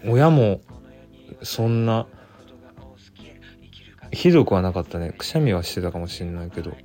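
Man, Kansai accent, casual solo stream host, animated pitch, chatty fillers, faint background music. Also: moderate pace. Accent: Kansai Japanese. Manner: chatty, animated, muses aloud with frequent fillers. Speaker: livestream radio host. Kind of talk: casual solo chat reading listener messages.

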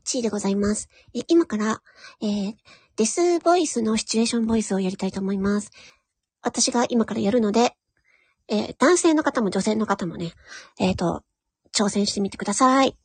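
A woman's voice: mid-range voice, brisk, husky, no echo. A woman hesitantly introducing a voice-acting skit.

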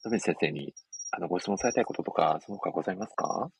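A man hosts a radio chat in a very low voice, polite and attentive toward his guest. A faint hiss runs underneath. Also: racing, creaky. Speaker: podcast host.

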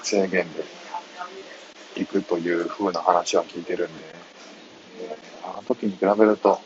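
A man with a very deep voice murmurs softly into his phone while riding a bus. He chats casually with his listeners, keeping his voice low. The audio is muffled, with steady bus noise behind him. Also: unhurried. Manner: mumbling quietly, reading listener comments. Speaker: live-stream host. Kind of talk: casual live chat. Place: on a moving city bus.

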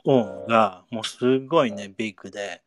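A Japanese-speaking man who casually hosts a bilingual chat lesson, mixing in English in a relaxed, chatty way. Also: fairly low pitch, a little fast, faint music behind. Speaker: host teaching English words.

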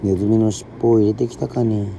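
A man's voice: lowish voice, little pitch movement, fast, creaky, warm tone, slight background noise. A man voicing a stern elderly woman fortune-teller in a storybook reading, with old rural speech. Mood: insistent.

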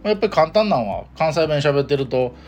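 A man's voice: on the high side, big pitch swings, quick pace, darkish tone, lo-fi sound. A man with a Kansai accent hosting a casual solo podcast, talking hesitantly with many fillers. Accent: Kansai Japanese. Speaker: podcast host.

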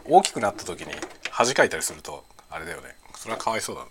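Low-voiced, animated middle-aged man chatting over lunch. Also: fast, vocal fry, background noise. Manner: musing aloud, talking in short trailing phrases over a meal. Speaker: host of a lunchtime chat. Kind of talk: casual chat while eating lunch.

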